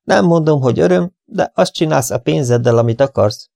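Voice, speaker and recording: A breezy, flippant young man in an audiobook, offhand and light, played by a male reader. The voice is raised a little, gravelly and dark. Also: on the high side, no room sound, pitched above the performer's own voice.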